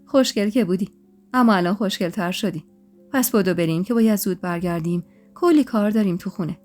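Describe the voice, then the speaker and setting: A woman's voice: medium pitch, a little mellow, natural voice. Woman voicing a teasing, jealous young husband. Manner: teasing, bantering. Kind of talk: storytelling podcast. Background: faint music.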